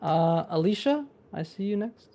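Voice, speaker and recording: A man's voice: high voice, lively intonation, moderate pace, creaky, warm tone. A man hosting a casual online meeting. He introduces each speaker and makes light, teasing comments. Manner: friendly, light teasing remarks. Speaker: meeting host.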